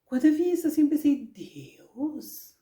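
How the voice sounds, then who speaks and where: Warm-voiced woman preaching a testimony. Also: sits high, very animated, unhurried. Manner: storytelling, conversational with frequent tag questions. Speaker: women's ministry preacher. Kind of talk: sermon with personal testimony.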